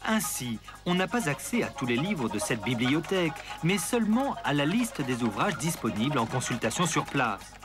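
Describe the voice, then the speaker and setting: A man narrates a television report in a measured, explanatory way, his slightly high voice rising and falling in wide, animated swings. Music plays clearly under the voice-over. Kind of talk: scripted documentary narration.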